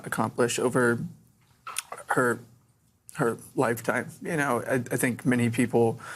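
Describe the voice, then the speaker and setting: A man's voice: medium pitch, vocal fry, breathy edge. A man being interviewed on the news about his late sister, speaking hesitantly with many restarts. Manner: hesitant, repeating words. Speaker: interview guest, brother of a victim.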